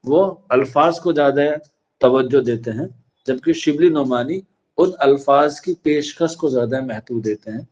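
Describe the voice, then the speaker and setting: A man from India teaching an exam prep lecture, repeating key phrases slowly so students can write them down. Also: medium pitch, darkish tone, highs cut off.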